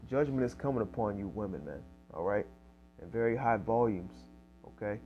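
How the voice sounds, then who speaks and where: A man's voice: on the low side, lively intonation, moderate pace, highs cut off, faint music behind. A man preaching in casual street style, reading scripture aloud and tagging lines with "okay?" and "man". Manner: fills with "man" and "okay?", reads verses louder.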